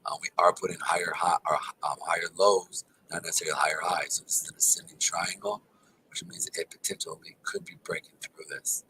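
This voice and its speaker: A crypto charting analyst with a low, level, forceful and bright voice gives casual, filler-heavy live market chart commentary a little fast, calling his viewers "guys." He's tired and exhausted with a sore throat, and the rough recording has slight background noise.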